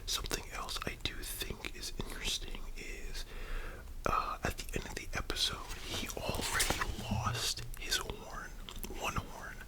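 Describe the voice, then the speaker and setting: A person speaking in a soft, breathy whisper, musing casually like an ASMR host in a discussion video. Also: measured pace, rough recording.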